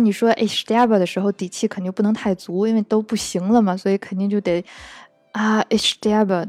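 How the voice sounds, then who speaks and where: A woman's voice: medium pitch, dry recording. A woman teaching German, chatty and explanatory, acting out example phrases as she goes. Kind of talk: explanatory language lesson. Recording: dry close recording with soft background music.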